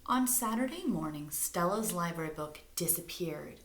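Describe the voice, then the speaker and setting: Slight background noise and an echoey room surround a woman reading a storybook to children at a moderate pace. Her fairly low voice has lively intonation, and she engages the kids by stopping to ask them questions.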